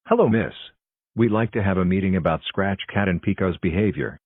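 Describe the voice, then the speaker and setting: A man's voice: low-pitched, fairly quick, dry recording, phone-quality sound. A synthetic-sounding man voicing a worried, suspicious cartoon father in a stiff, formal way. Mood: concerned, polite. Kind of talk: scripted cartoon dialogue.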